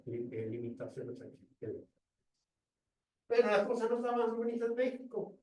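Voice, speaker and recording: A man with a Mexican accent giving an academic conference talk, wry and lively, full of rhetorical questions. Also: sits high. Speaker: guest lecturer. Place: lecture room. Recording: roomy, distant mic in a hall.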